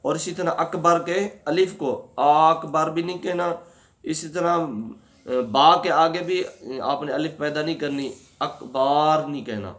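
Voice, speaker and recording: A man with a slightly high voice gives a religious lesson on prayer, explaining each point patiently. He keeps asking his listeners a question and answering it himself, and he slows down to stretch out words when he shows how they should sound. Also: fairly bright tone. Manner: draws out words slowly to demonstrate pronunciation. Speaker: religious teacher. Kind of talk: Islamic lesson on prayer rules.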